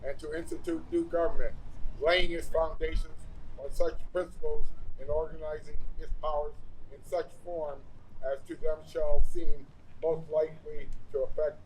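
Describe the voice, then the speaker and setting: A man reading a historic document aloud at a ceremony in a measured, solemn manner. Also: fairly high pitch, little pitch movement, a little mellow, low-quality recording. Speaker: ceremony reader. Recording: live event, faint background noise.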